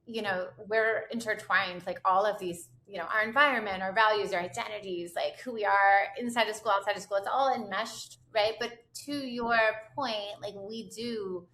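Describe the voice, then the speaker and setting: A woman's voice: mid-range voice, fairly even intonation, normal speed, hardly any pauses, pushed and bright. A middle-aged woman, an educator and researcher, chatting as a podcast guest and leaning often on "you know" and "like". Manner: chatty, filler-heavy with frequent "you know" and "like". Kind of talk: casual interview chat.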